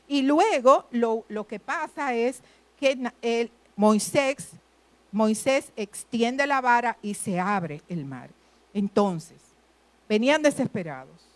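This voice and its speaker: A woman preaching a sermon in a lively way, acting out the voices she quotes. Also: a little high, unhurried. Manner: animated, acts out quoted voices.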